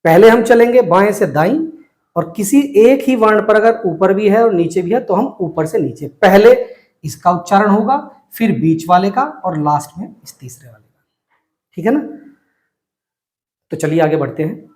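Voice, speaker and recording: Male Hindi teacher, high-pitched, patient syllable drills, roomy echo. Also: lively intonation, darkish tone. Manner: slow, repetitive drilling of syllables. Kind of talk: whiteboard reading lesson.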